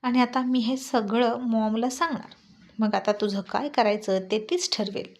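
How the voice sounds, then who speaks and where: A woman's voice: on the high side, measured pace. A woman reading an angry panicky young husband. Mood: angry scolding. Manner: scolding, exasperated.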